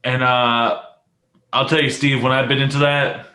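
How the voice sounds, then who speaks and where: A man's voice: medium pitch, little pitch movement, normal speed, sharp tone. Rambling storytelling man, echoey room. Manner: rambling storyteller, many fillers and restarts. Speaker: podcast co-host. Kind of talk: casual storytelling chat.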